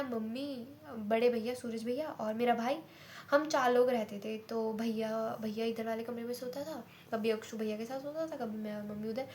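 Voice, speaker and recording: A woman's voice: on the high side, a little hiss or hum. A young woman telling a personal story in a casual, chatty way, full of fillers and repeats. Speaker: vlogger.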